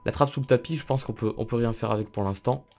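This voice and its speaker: A man from France giving excitable, chatty let's play commentary, reacting aloud to a video game. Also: medium pitch, fast talker, creaky. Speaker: gaming video creator.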